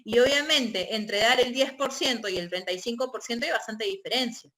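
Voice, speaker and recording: A woman's voice: on the high side, fairly quick, sharp tone. A woman giving an online real estate training lecture, explaining step by step and checking in with her listeners. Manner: explanatory, checks in with tag questions.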